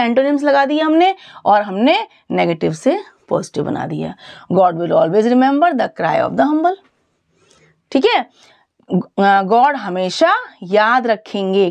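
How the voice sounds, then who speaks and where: A woman teacher explaining grammar in a mixed Hindi and lecture, asking the students rhetorical questions and reading example sentences slowly. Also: mid-range voice, creaky, a little mellow, lo-fi sound. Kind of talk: bilingual classroom lecture.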